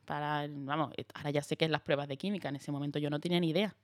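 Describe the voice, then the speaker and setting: A young woman with an Andalusian accent, a guest actress chatting casually and telling lively stories, acting out quoted dialogue and laughing often. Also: deep voice, racing, dry recording, clean studio sound. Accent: Andalusian Spanish. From Andalusia, Spain. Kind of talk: casual chat.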